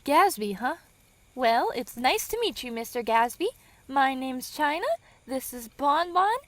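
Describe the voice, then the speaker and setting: Woman voicing China, a bossy high-voiced friend. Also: lively intonation, unhurried, no room sound. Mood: matter-of-fact. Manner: matter-of-fact, reassuring.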